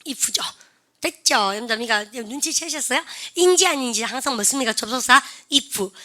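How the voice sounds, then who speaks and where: A woman's voice: high voice, lively intonation, normal speed, bright, forceful tone. A woman teaching English and leading her class in repeat-after-me drills, coaxing and calling out cues.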